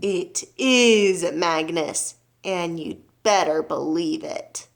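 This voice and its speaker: A woman voicing a stern ghostly man in a storybook, speaking slowly and deliberately in commands. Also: lowish voice, vocal fry, pitched below the performer's own voice. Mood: slow menacing.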